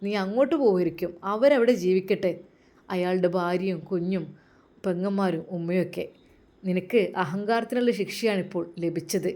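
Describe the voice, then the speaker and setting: A woman's voice: lowish voice, moderate pace, dark tone, natural voice. A woman voicing a harsh husband who taunts and scolds his wife, in a told story. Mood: mocking.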